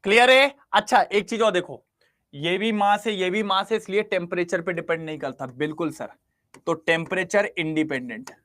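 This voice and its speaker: Man, chemistry teacher, high voice, coaxing, quizzes students online. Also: normal speed, fairly bright tone. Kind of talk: online class lecture.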